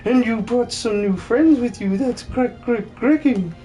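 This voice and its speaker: For a video game dub, a performer voices a jolly, fussy, excitable old hermit whose verbal tic is stuttering every word three times. The voice is medium-pitched, unhurried and mellow, pushed up but close to an everyday voice, with faint music behind.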